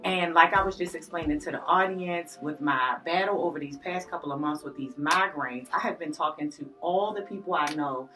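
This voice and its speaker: A woman hosting a podcast, greeting her audience and guests in an animated, drawn-out way with playful asides. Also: deep voice. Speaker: podcast host. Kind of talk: enthusiastic podcast welcome and interview. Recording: distant mic with faint music behind.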